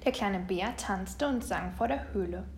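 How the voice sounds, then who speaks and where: A woman reading a children's story aloud, in a gentle, even storybook manner. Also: mid-range voice, measured pace, creaky, slight background noise.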